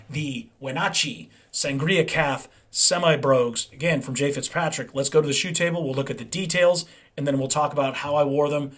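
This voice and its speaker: Man, fairly high voice, enthusiastic, conversational review vlog. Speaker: menswear reviewer.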